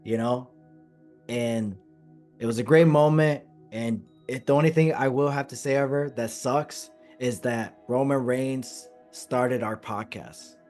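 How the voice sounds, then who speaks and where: A man hosting a wrestling podcast, chatting excitedly and stressing his points, his voice a bit hoarse. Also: mid-range voice, a little slow, soft background music. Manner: excited, emphatic, repeats phrases. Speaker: podcast host. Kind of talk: casual podcast chat.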